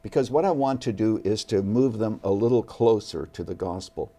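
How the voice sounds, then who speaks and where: A man appearing as a studio guest, speaking earnestly and deliberately about faith. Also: fairly low pitch, mellow. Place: television studio.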